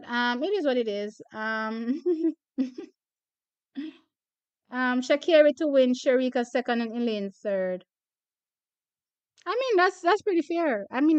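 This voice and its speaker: Speaking in a high-pitched voice, a young Jamaican track and field host reads out viewer comments, laughing frequently and repeating herself. The recording is dry and clean.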